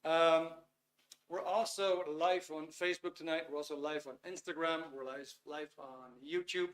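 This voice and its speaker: Hosting a live English-language webinar, this Dutch-accented man from the Netherlands, in his fifties, has a fairly high, fairly even, somewhat bright voice. He moves at an easy pace, pausing to search for words and leaning on lots of fillers.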